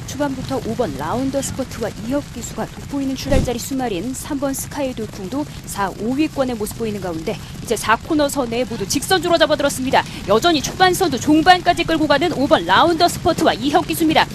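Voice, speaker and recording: A woman calling a horse race, listing positions and horse names in brisk play-by-play. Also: high-pitched, animated, noisy background. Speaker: race caller.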